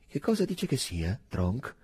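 A man's voice: wildly swooping pitch, measured pace, slightly rough, exaggerated voice. A man voicing an anxious young army lieutenant, agitated and hesitant. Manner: agitated, hesitant, higher and louder.

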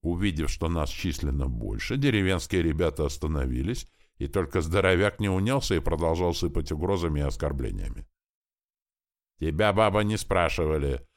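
A man narrating an audiobook in the first person with steady storytelling. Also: extremely low pitch, a little fast, few pauses. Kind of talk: scripted narration.

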